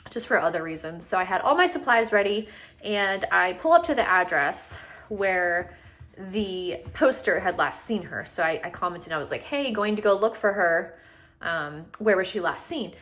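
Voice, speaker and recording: A woman's voice: mid-range voice, sharp tone. A woman speaking informally and conversationally, telling the story of her own animal rescue as a vlogger. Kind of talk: casual storytelling to camera.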